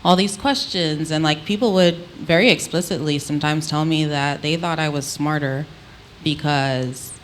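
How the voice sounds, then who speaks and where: A woman with an Antiguan accent tells personal stories in a candid, halting, conversational way. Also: deep voice, slight background noise. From Antigua, Caribbean. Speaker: interviewee. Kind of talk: reflective personal storytelling in conversation.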